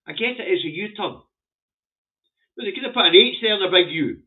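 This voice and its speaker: A man's voice: high-pitched, lively intonation, brisk. A man with a broad Scottish accent giving casual, opinionated commentary in a blunt, sweary, rambling way. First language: Scots. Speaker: vlogger reviewing the day's newspaper front pages. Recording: muffled phone-like narrow-band audio.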